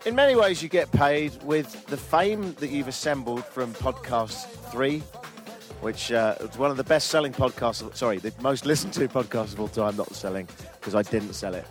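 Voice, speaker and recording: A man's voice: medium pitch, normal speed, faint music behind. A man hosting a travel vlog outdoors on a river boat, speaking in a dry, self-deprecating, joking way. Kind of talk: casual travel chat.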